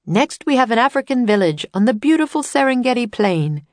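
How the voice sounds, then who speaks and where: A woman's voice: on the high side, sing-song, fairly quick, no room sound, voice pushed up. A woman voicing a male tour guide who announces sights through a megaphone in a grand, sing-song way. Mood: announcing.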